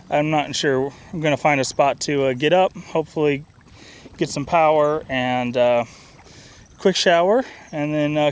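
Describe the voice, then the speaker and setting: A fairly high-voiced young man narrates his river journey outdoors, cheerful and easygoing. He stumbles over words and leans on fillers as he goes. The talk stays loose, like an unscripted travel vlog. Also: a little hiss or hum. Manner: easygoing and upbeat, with many fillers and restarts. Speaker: solo river traveler vlogging his trip.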